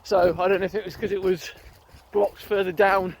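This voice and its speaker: A British man with a fairly high voice chats to his vlog while running. He rambles and hesitates, thinking out loud in a casual, unscripted way. The handheld outdoor recording is clearly noisy. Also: flat delivery, moderate pace. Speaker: running vlogger. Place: outdoors on a rural riverside footpath. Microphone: handheld phone or recorder on the move.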